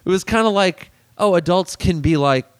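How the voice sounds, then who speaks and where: This man talks in a loose, rambling way, full of "like" and restarts as he recalls things. His voice is smooth and resonant, and the recording is close and dry with no room sound. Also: high voice, normal speed, no echo. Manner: rambling, filler-heavy storytelling. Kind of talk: casual chat.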